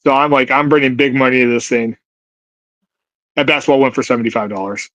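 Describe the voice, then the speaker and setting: A man co-hosting a sports podcast, giving halting, opinionated commentary full of restarts and "you know". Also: mid-range voice, a bit bright, no room sound, highs cut off. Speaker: podcast co-host. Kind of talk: casual sports podcast chat.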